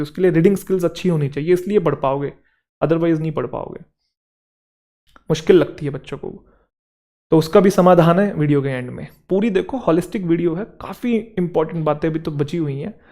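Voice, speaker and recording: A man's voice: a little high, warm tone. Man teaching English vocabulary. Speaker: English teacher for exam students. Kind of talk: vocabulary lesson.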